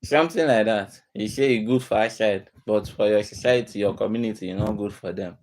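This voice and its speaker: A man's voice: fairly low pitch, brisk, darkish tone. A man with a Nigerian accent giving informal advice in a Nigerian Pidgin manner, earnest and admonishing, repeating himself for emphasis. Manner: earnest, admonishing, rhetorical repetition. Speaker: speaker giving community advice.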